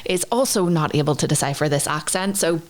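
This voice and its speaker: Lower-pitched Northern Irish woman podcaster. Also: brisk. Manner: earnest, encouraging, explains step by step. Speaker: podcast co-host. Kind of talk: conversational podcast teaching.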